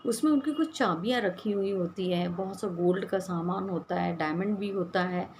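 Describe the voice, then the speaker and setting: A woman narrating a family story in a relaxed, conversational way, linking lines with frequent "she says". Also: lowish voice, moderate pace, slight background noise. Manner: conversational, retelling with many "she says" links.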